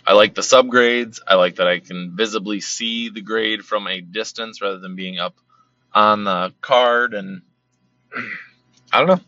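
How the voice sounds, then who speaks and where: Losing his voice as he goes, a card collecting host talks casually in an unhurried, steady way, rambling and repeating words with many fillers. His voice sits on the low side with a sharp tone, and the dry recording sounds slightly dull and lo-fi.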